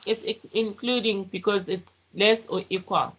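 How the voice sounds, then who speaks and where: A woman's voice: mid-range voice, measured pace, a bit bright, poor audio. Female student, medium voice, brief hesitant replies to her tutor. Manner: brief, tentative answers. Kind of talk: answering a tutor's questions.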